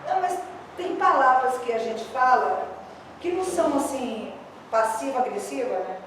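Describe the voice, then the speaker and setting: A woman pastor preaching a sermon in a church, telling stories in an animated way. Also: high voice, normal speed, noisy background. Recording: echoey church hall, distant mic.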